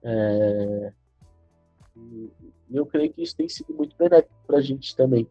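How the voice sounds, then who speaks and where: A man with a Brazilian Portuguese accent, a podcast guest speaking in a measured, reflective way. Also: mid-range voice, huge pitch swings, vocal fry, dry recording, soft background music. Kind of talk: casual podcast chat. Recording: dull lo-fi sound.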